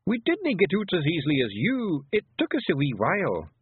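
A man's voice: a little high, wildly swooping pitch, brisk, husky, no echo, narrow, tinny audio, voice pushed up, heavily acted. A man voicing a tiny, brash, cheerfully bossy pictsie leader with a Scottish accent in a storybook reading. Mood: explaining. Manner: exclamatory, commanding, plain-spoken dialect talk.

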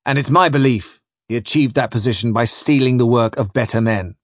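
In an audiobook story, a man voices a pompous, scholarly, bad-tempered ship's captain who is pedantic and declamatory, quoting Latin with a condescending air. His natural voice is medium-pitched and brisk. The recording is dry, with clean studio sound.

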